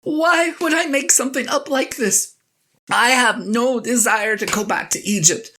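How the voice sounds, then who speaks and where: A woman playing a flustered, reluctant Moses as an aging husband, halting and pleading in a conversational audio drama monologue. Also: a little high, bright, forceful tone, slight background noise. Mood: exasperated, sheepish. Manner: halting, stammering, pleading, sighing. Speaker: actor in a one-person audio drama. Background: guitar and piano music.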